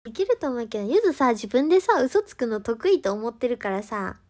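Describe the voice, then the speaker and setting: A young woman speaks in a high, light voice with a Kansai lilt. She chats playfully and loosely to her stream, giggling and calling herself by her own name. Her tone is casual and unscripted throughout. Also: big pitch swings, fairly quick, a little mellow. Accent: Kansai Japanese. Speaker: livestreamer. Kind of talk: casual solo livestream chat.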